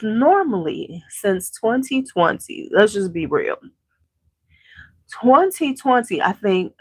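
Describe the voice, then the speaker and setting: Speaking at a medium pitch in a dry recording, a congested woman hosts a beauty channel. Originally from the Chicago area, she keeps things casual with her live at-home audience and greets people by name.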